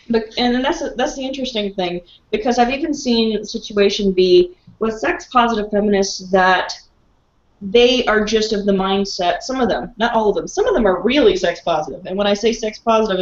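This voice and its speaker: A woman hosting a casual live stream chat, talking freely and laughing often. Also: mid-range voice. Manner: chatty, laughs often, talks with mouth full. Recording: dull lo-fi stream audio.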